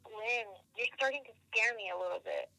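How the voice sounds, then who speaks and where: A woman's voice: on the high side, brisk, vocal fry, sharp tone, heavily acted, rough recording. A woman playing a worried, skeptical sister, heard over a phone on speakerphone, asking wary questions.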